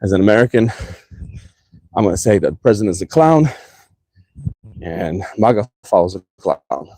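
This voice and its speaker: A man's voice: low-pitched, very animated, normal speed, dark tone, dry recording. Heated, sweary man ranting with a slight accent. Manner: heated, profane, sarcastic. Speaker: vlogger. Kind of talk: casual ranting monologue. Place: in a car.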